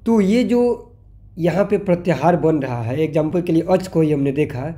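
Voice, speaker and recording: A man's voice: on the high side, normal speed, dark tone. A male teacher giving a grammar lesson, asking questions and answering them himself while spelling out letters one by one. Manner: explanatory, asks and answers own questions.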